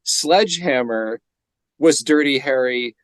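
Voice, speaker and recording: Laughing frequently as he rambles, a male podcast co-host chats casually and now and then drops into gravelly impressions. He speaks slowly in a mid-range voice, recorded without any room sound.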